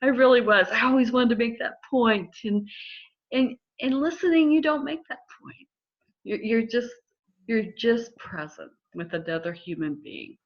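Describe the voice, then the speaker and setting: A middle-aged woman counselor explaining listening skills in a calm, measured way during a conversation. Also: on the high side. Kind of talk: instructive conversation. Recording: slightly dull lo-fi audio.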